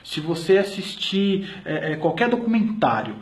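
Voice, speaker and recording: A man's voice: high-pitched, sing-song, measured pace. A man with a Brazilian accent presenting an explanatory video lecture, hesitating often with filler sounds and restarting phrases. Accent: Brazilian Portuguese. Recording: roomy echo.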